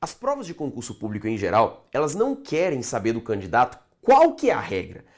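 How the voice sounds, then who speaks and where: Male Brazilian teacher, very animated intonation, direct to camera, stretches key words slowly. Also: medium pitch. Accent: Brazilian Portuguese. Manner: addresses viewers directly, checks understanding often. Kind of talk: online grammar lesson.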